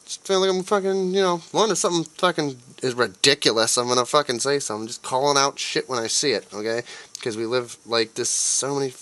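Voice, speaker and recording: A man's voice: mid-range voice, fairly quick, a bit bright. A young man hosting a solo podcast, ranting sarcastically with lots of profanity. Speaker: podcast host.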